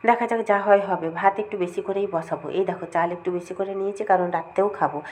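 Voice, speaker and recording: A middle-aged woman chatting casually to her viewers at home, rambling about her day, with a cold and a slightly hoarse throat. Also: medium pitch, fairly even intonation, very fast, darkish tone, a little hiss or hum. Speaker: vlogger. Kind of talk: casual daily-life vlog chat.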